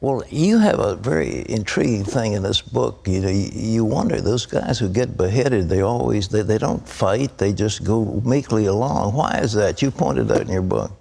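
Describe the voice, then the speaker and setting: A man hosting a TV news interview, asking probing questions with halting restarts. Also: lowish voice, animated, creaky, mellow, breathy edge. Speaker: TV host.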